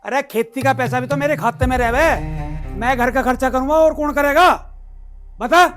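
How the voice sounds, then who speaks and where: A loyal village husband, exasperated and defensive in a family quarrel, speaking with a Haryanvi accent. Clear background music runs under his voice. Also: very high voice, moderate pace, fairly bright tone.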